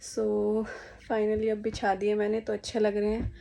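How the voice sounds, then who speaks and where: A woman's voice: mid-range voice, monotone, a little slow, gravelly, dark tone. A young woman vlogging from her home in a chatty, casual way, talking straight to her viewers. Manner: chatty, addresses viewers as guys, talks sweetly to her small son. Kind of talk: casual chat to camera. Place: at home indoors.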